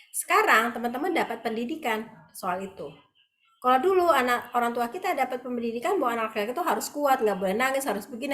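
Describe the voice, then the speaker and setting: A woman lecturer teaching an online class, chatting with her students, asking them questions and acting out what parents say. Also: a little high. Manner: conversational, asks students questions, acts out parents' quoted lines. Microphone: video call.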